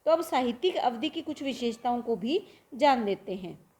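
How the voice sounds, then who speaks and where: A woman teaching a lesson, explaining word examples step by step, slowing to repeat them and asking herself questions as she goes. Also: a little high, lively intonation, a little mellow. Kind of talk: Hindi literature lecture.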